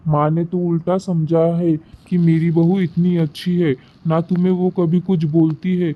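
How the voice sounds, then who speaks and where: A man voicing an exasperated scolding husband, flat tone. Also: fairly high pitch, normal speed, lo-fi sound, lightly acted.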